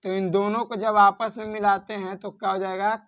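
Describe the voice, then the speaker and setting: A man's voice: high voice, flat delivery, a little fast, fairly bright tone. A male grammar tutor teaching in a classroom style, drilling students by asking questions and answering them himself, and chanting series of letters in rhythm. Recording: dull lo-fi sound.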